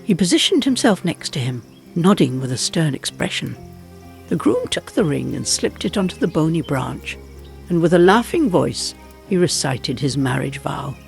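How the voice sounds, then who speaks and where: A storyteller with a slightly high voice reads a folk tale dramatically and expressively, his pitch swinging widely over background music. He speaks at a normal speed, with some vocal fry.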